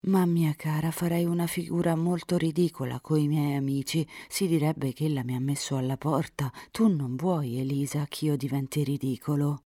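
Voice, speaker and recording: A proud young count of twenty-four, earnest and sincere, read by a woman storyteller. The voice stays low and mellow, dropping at times to a hush. The recording is dry and close. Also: steady tone, normal speed, hardly any pauses, dry recording. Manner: earnest, sometimes hushed to a whisper.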